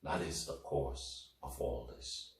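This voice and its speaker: A man's voice: rumbling low, slow pace, a little hiss or hum, pitched below the performer's own voice. A male storyteller voicing solemn druids giving a grave explanation, in an echoey room.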